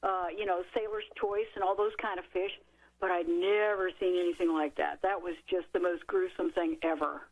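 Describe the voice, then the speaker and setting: Woman, middle-aged, author guest, radio storytelling, lively, animated. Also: lowish voice, normal speed, phone-quality sound. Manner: lively, animated storyteller who acts out quotes. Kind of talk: storytelling in a talk radio interview.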